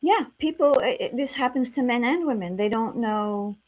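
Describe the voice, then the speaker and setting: A woman's voice: a little high, expressive, normal speed, darkish tone. A middle-aged woman from France with an American accent, a therapist talking frankly and reassuringly in a casual interview, with many "you know" fillers. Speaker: sex therapist guest.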